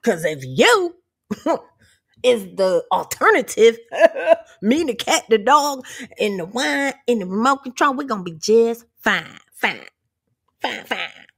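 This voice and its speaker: A brash, profane woman ranting to her viewers. She laughs often, her voice swings widely, and it has a gravelly fry. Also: a little high, big pitch swings, takes it slowly, a bit bright. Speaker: vlogger. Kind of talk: motivational rant.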